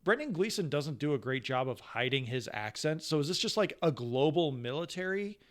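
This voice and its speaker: A man's voice: a little high, expressive, fairly quick. A man co-hosting a podcast, rambling through a film's plot holes in casual chat and restarting his sentences often. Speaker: podcast co-host. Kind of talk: casual movie discussion.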